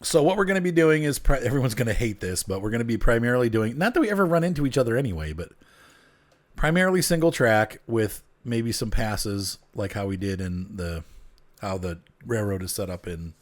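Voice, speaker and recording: Playing a train game on stream at home, a man chats casually and mutters to himself as he works, his turned-up desk mic catching a slightly congested, nasal sound. His voice sits at medium pitch and comes across animated and brisk.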